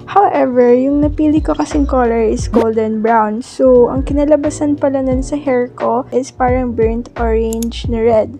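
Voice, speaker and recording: A young Filipino woman with a Filipino accent narrating her vlog in a relaxed, casual voice-over with many fillers. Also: fairly high pitch, moderate pace, few pauses, soft background music. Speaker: vlogger.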